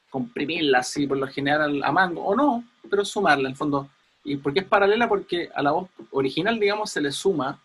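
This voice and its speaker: A man's voice: a little high, fairly bright tone, breathy edge. A man teaching an audio class over a video call, chatty and explaining with everyday comparisons. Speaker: audio engineering instructor.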